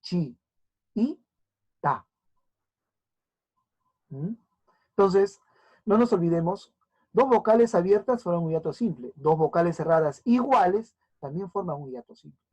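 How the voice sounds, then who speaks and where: A woman's voice: fairly low pitch, lively intonation, a little mellow, breathy edge. A woman teacher giving a recorded grammar lesson, sounding words out syllable by syllable and often checking that her students follow. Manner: spells out syllables slowly, often checking understanding.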